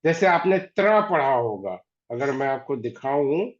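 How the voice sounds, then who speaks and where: A man teaching an online class, patiently repeating words slowly to drill pronunciation. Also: medium pitch, sing-song. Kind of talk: online class on Hindi spelling. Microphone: video call. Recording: dull lo-fi video call audio.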